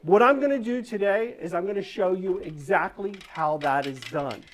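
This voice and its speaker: A woman's voice: medium pitch, normal speed, slight background noise. A woman doing live magic show patter for children, giving step-by-step instructions and coaxing the audience along with frequent check-in questions. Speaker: stage magician performing for children.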